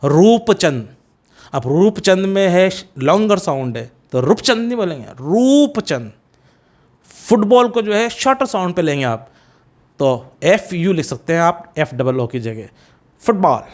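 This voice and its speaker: A middle-aged man with an Indian accent drills example sentences slowly and deliberately during a classroom grammar lesson, alternating between Hindi and English. His voice sits high and sounds very animated, with a slightly mellow quality.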